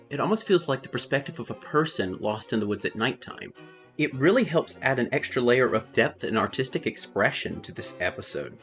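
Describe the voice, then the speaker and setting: A man delivers a scripted review in a fairly lively voice of average pitch. Soft music plays behind him.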